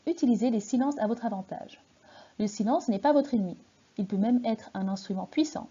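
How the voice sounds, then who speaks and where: Dark-voiced woman giving tips. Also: a little high, slightly rough, highs cut off. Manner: instructive, addressing the listener directly. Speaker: student presenter. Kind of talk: scripted presentation.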